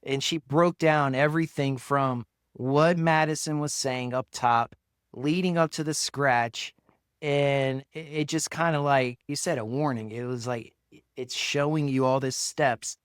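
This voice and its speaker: Slow-talking man with a smooth voice. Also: medium pitch, steady tone, no room sound, clean studio sound. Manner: loose, hesitant, many fillers. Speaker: podcast co-host, paranormal investigator. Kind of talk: casual podcast chat.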